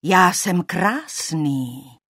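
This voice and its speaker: Woman reader voicing a sly salesman devil, husky and low, swooping between brisk and drawn-out. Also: expressive, a bit bright, no echo, clean studio sound, heavily acted. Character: smooth, hairy-handed tattooing devil.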